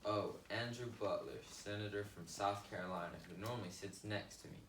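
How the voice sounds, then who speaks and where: A man playing an indignant anti-slavery senator in a class history skit, speaking slowly and dramatically. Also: lowish voice, a bit bright, close to an everyday voice. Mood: mocking. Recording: echoey room, distant mic, noisy.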